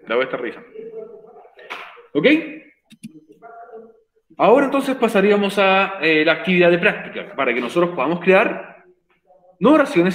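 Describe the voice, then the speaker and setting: A high-pitched, slightly bright male voice belongs to an English teacher explaining in Spanish during an online class. He stays patient, repeats key points, and frequently asks "ok?" to check understanding. The sound is roomy and the audio poor.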